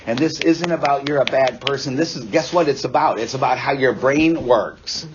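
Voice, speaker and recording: A man lecturing counselors in a classroom, animated, swearing freely and checking constantly that students follow. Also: mid-range voice, normal speed. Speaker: instructor teaching counselors. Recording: dull roomy sound from far off.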